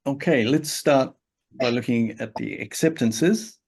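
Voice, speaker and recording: Hosting an exhibition, a man announces the results, reading out accepted entry titles in a plain, steady way and adding short asides. His mid-range voice is gravelly, slightly rough and a little slow.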